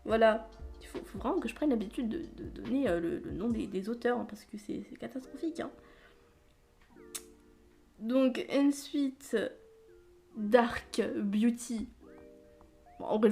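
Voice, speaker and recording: A woman's voice: mid-range voice, gravelly, a little mellow. A woman chatting casually as a book vlogger, rambling, stumbling over words and laughing at herself. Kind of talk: casual chat.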